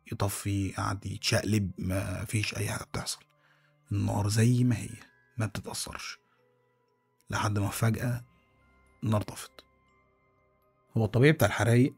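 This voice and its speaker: A man's voice: lowish voice, creaky, darkish tone, breathy edge. A man with an Egyptian accent telling a first-person horror story, tense and dramatic, often restarting words.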